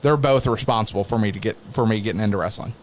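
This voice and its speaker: Halting, reflective man in a casual interview. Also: fairly low pitch, slight background noise. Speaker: wrestling play-by-play announcer, interview guest.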